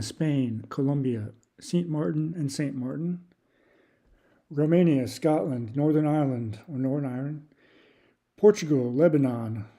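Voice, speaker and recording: A man's voice: mid-range voice, breathy edge. A man streaming casual commentary, reading off a long list and thinking aloud with hesitant restarts. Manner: reads off long lists in a steady run. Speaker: YouTube creator.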